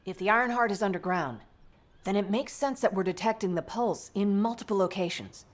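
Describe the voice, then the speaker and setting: In natural tones at a medium pitch, an actress plays a video game's medical doctor, a scholarly mother who stays composed. The scripted lines form an explanatory briefing, delivered in a measured, articulate, matter-of-fact and analytical manner.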